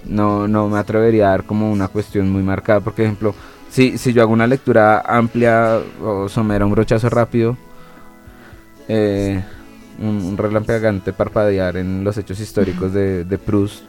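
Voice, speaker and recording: A man with a lowish voice takes part in a loose discussion. He drops quick quips and short asides between longer thoughts. Faint music plays behind him. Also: little pitch movement, a little mellow. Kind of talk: casual literary discussion.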